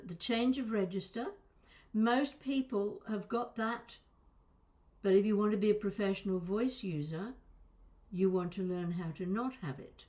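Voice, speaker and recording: A voice and accent coach leads vocal exercises in a chatty, instructive manner, leaning on key words and drawing them out. She has a medium-pitched, dark-toned voice.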